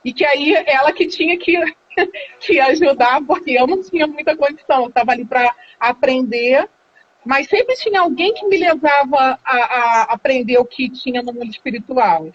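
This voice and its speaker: A Brazilian woman with a high voice tells a personal story in casual, lively speech, laughing and putting on the voices of the people in it. The sound is muffled and lo-fi, like a live stream. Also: normal speed. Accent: Brazilian Portuguese. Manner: animated, laughs often, acts out dialogue. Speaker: guest telling her story. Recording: dull lo-fi live stream audio.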